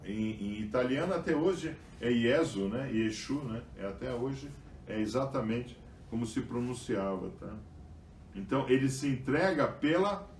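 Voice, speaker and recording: A man's voice: medium pitch, darkish tone, distant mic, slight background noise. Man teaching scripture in an echoey room. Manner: frequent "tá?" and "né?" tags, reads passages aloud with emphasis. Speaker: religious teacher. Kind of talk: Bible study lecture.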